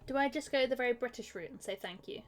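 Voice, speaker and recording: A woman's voice: a little high, fast. A woman streamer commenting casually and sarcastically while playing a game, swearing freely.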